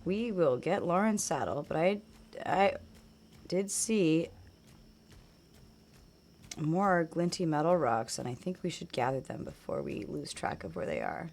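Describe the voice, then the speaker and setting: A woman chatting casually while she plays a game, rambling on and trailing off into quiet mutters as she focuses. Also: low voice, lively intonation, unhurried, vocal fry, long pauses, slight background noise. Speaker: game streamer.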